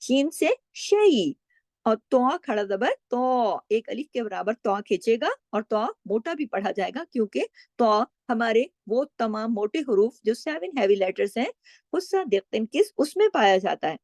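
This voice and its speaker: A woman's voice: a little high, lively intonation, normal speed, a little mellow, no echo. A middle-aged woman teaching recitation rules, explaining patiently and asking and answering her own questions. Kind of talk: explaining tajweed rules, with slow recited examples.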